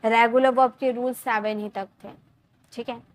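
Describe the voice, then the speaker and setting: High-voiced woman teaching grammar step by step. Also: fairly even intonation. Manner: explains step by step, repeats words slowly, asks the class questions. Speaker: English teacher. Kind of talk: Hindi-language grammar lesson.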